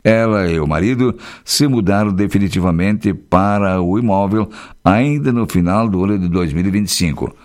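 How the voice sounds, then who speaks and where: A man reads regional news on the radio in a somewhat low, slightly mellow voice at normal speed. Between stories he drops in casual, folksy remarks, so his delivery blends read copy with easygoing chat.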